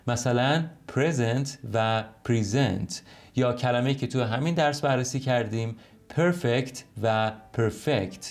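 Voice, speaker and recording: Persian-speaking man teaching English slowly. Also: medium pitch. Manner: explains in Persian, reads English examples slowly and carefully. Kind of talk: online language lesson. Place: home recording.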